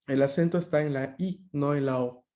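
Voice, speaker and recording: A man's voice: on the high side, normal speed, a little mellow. A man teaching a language class over a video call, explaining patiently with frequent fillers and checking questions.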